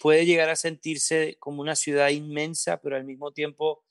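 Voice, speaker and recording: Man from Venezuela, guest musician, playful and teasing, slightly high voice. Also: flat delivery, moderate pace, clean tone, dry recording, studio quality. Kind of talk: casual interview chat.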